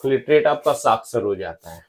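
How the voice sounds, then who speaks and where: This man's voice is mid-range and animated, moving at a normal pace. He's teaching English spelling for exams, going letter by letter through each word and pushing his audience to comment.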